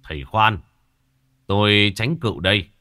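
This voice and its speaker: A man's voice: lowish voice, unhurried, sharp tone, no echo, clean studio sound. A man voicing a stern, proud old former village chief speaking in a commanding tone.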